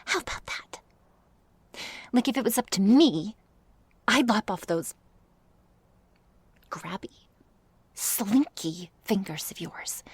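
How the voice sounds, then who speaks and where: In an ASMR roleplay, a woman plays a jealous, menacing vampire, sarcastic and taunting, often slipping into breathy hisses. Her voice is mid-range and there is no room sound.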